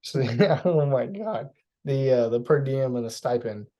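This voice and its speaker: A man's voice: mid-range voice, lively intonation, warm tone, dry recording. A young man with a mid-range voice hosts a casual interview in a friendly, easygoing way. He is recorded close and dry. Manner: laid-back, chummy, quick to agree. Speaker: podcast host.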